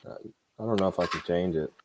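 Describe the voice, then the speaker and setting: A man asking questions in a casual podcast chat over a remote call, chatty and quick to laugh and agree. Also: low-pitched, background noise. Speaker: interviewer.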